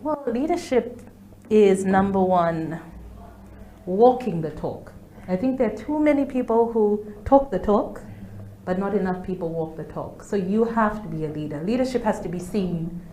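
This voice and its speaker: A woman's voice: medium pitch, animated, moderate pace, dark tone. A Ugandan woman in her forties, a guest answering interview questions and laughing now and then. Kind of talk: interview conversation. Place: studio. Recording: echoey studio with faint noise.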